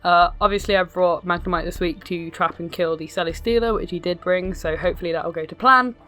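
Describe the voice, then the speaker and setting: Hoarse, low-voiced woman with a smoker's rasp. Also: brisk, fairly bright tone. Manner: sarcastic, self-deprecating, sweary. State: ill, hoarse. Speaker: video host narrating own battle. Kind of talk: casual game commentary. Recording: music behind the voice. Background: music.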